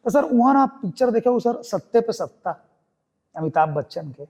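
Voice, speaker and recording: A man's voice: sits high, animated, normal speed, darkish tone. A young man from Chhattisgarh with a Chhattisgarhi Hindi accent, a theatre artist telling his story in a podcast interview and acting out the voices of the people in it.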